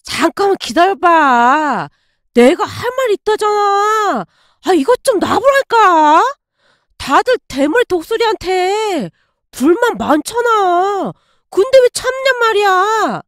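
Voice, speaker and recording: A woman voicing a rash young male office worker who talks in loud, frantic disbelief. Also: high-pitched, expressive, moderate pace, dry recording, clean studio sound. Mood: drunken ranting. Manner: loud, shouting when drunk, frantic disbelief.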